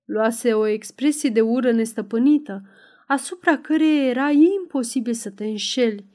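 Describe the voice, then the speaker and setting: Lady reading a story aloud, kinda high voice, steady and measured. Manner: measured storytelling, raises voice for dialogue. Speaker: narrator. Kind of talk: scripted audiobook narration.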